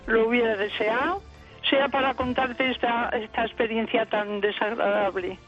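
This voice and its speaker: An 85-year-old woman from Aragon, calling in by phone and telling a distressing story with tearful, animated emotion. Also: on the high side, moderate pace, soft background music. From Aragon, Spain. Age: 80s. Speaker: caller. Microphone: telephone. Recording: muffled phone line.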